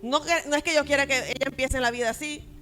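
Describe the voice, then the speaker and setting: A woman's voice: sits high, steady tone, quick pace, pushed and bright, soft background music. A middle-aged woman pastor preaching an emphatic sermon to her congregation, acting out short family dialogues as she goes.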